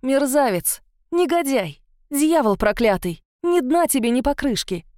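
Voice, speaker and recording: A woman voicing a proud young female captive who shouts insults at her kidnapper. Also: mid-range voice, normal speed, no echo, studio quality, close to an everyday voice. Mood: furious.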